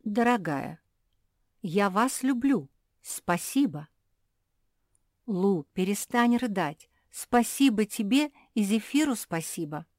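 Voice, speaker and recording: Lady doing a cheery little girl dog, blunt, slow, dry sound. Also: mid-range voice, animated, dry recording, pitched above the performer's own voice. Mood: cheerful. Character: plucky, frank young female dog.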